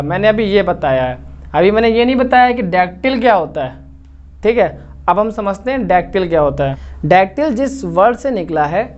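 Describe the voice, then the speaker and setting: A man with a high voice teaches literature in a classroom-style lecture video, heard through lo-fi sound. He walks through the material step by step, frequently making sure the students keep up.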